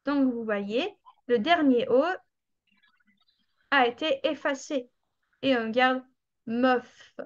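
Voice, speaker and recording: Slow, patient high-voiced French teacher. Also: female voice, lo-fi sound. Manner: slow, patient explaining with drawn-out examples. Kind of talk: online webinar lesson.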